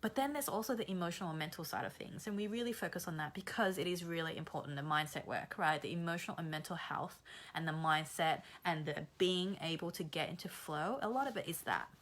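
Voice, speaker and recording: A woman talks to her live stream viewers as a creative coach, her voice slightly hoarse from a recent flu and sitting a little low. She speaks with energy and bluntness, pushing her audience to show up and do the work, yet keeps it encouraging. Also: fast, fairly bright tone.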